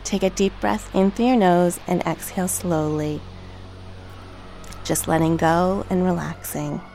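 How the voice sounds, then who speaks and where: Meditation narrator: female, fairly low register with noticeable creak, soothing, unhurried and gentle delivery over background music. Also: a little hiss or hum. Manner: calm, gentle, measured. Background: relaxation track with music, dolphin and water sounds.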